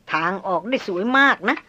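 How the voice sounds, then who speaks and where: A woman voicing a sharp-tongued young European woman adventurer who speaks in a mocking, needling way in a dull lo-fi audiobook recording. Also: slow.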